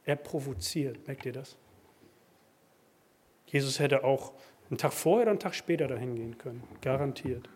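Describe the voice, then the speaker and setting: A man preaching a sermon, swinging from loud emphatic bursts to quiet asides. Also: mid-range voice, normal speed, long pauses, husky. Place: church.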